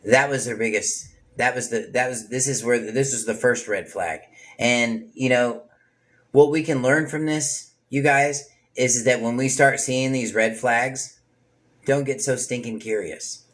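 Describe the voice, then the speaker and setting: A man's voice: medium pitch, unhurried. A man leading an informal Bible study sermon, talking straight to his listeners with asides and acting out what people say. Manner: casual, preachy, talks straight to listeners with asides; animated, acts out people's words in varied voices.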